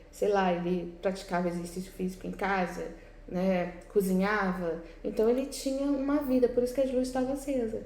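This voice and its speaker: A woman's voice: mid-range voice, dark tone. A woman teacher with a Brazilian Portuguese accent explains exercises step by step, often checking in with her students. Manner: explanatory, frequent "né?" and "tá?" check-ins. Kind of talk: recorded class lesson, correcting exercises. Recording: echoey room with faint background noise.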